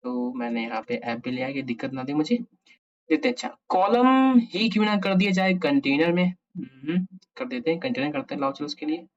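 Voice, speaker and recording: A programming tutorial host with an Indian accent talks through code casually, playfully voicing his thoughts and switching between Hindi and English. He speaks at a moderate pace in a higher-pitched male voice, and the mic sounds dull and lo-fi.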